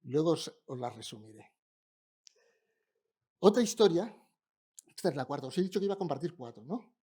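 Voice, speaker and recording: A man's voice: on the high side, sing-song, moderate pace, warm tone, husky. A man preaching a sermon in a church, conversational and humorous, speaking directly to the congregation. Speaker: pastor preaching. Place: church in Barcelona.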